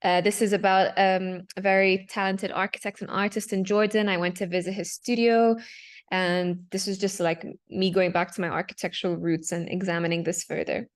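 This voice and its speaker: A woman's voice: mid-range voice, level tone, normal speed. A young adult woman, a digital artist from Palestine who grew up in Dubai, casually presenting her artwork on a video call with fillers and self-corrections. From Palestinian, raised in Dubai. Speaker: panel speaker, digital artist.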